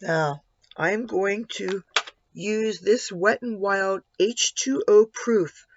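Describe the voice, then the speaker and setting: A man with a slightly gravelly voice giving a casual makeup tutorial, narrating each step and adding candid asides. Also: high-pitched, slow, background noise. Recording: dull, lo-fi sound.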